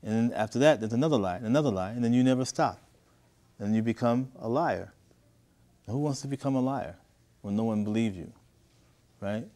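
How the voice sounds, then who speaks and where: A man's voice: medium pitch, brisk, pauses often, mellow. A man with an American accent telling a moral story to children as their teacher. He keeps asking questions and waiting for the children to answer. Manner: questioning, call-and-response with children.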